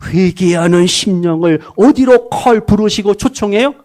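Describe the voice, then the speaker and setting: A male pastor preaching a sermon. He swings between loud bursts and soft low asides, asks the congregation questions and answers them himself, and acts out little dinner-table lines. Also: moderate pace.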